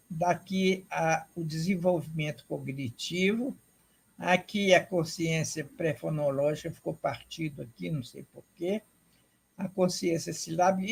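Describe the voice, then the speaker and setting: A woman giving an academic lecture, explaining slowly and deliberately, repeating herself and checking in with her audience. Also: fairly low pitch, creaky, breathy edge.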